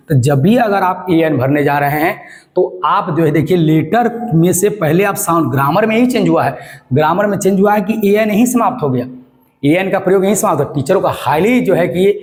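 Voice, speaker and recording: Male grammar tutor, slightly high voice, emphatic Q-and-A delivery, repeats phrases. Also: fairly quick. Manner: emphatic, asks and answers his own questions; repeats phrases and spells letters aloud. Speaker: English grammar teacher. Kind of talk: classroom-style lesson.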